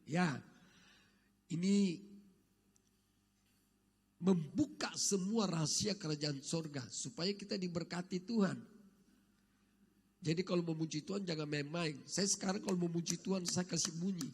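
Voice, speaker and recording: High-pitched raspy male preacher in a reverberant hall. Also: unhurried, long pauses. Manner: emphatic, exhorting, repeats rhetorical questions. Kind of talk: Sunday church sermon, questioning the congregation. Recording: echoey hall with long reverb.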